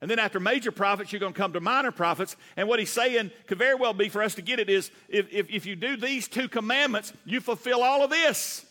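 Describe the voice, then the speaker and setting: Fast-talking Southern preacher, bright voice. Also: male voice, high voice, big-room sound. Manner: fast, animated preaching with rhetorical questions to the congregation. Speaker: pastor. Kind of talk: sermon. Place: church sanctuary.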